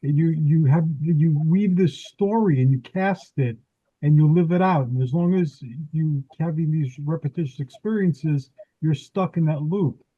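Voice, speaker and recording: A man's voice: a little high, a little slow, no echo. A man co-hosting a paranormal podcast, musing in a reflective, casual way. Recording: dry tinny phone-like line.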